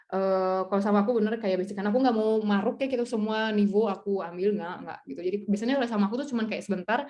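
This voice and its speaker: A woman's voice: mid-range voice, racing, lo-fi sound. Chatty young woman tutoring on a call. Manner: chatty and animated, laughing often, acting out French speakers' replies. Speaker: guest speaker, French tutor and content creator. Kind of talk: casual webinar talk.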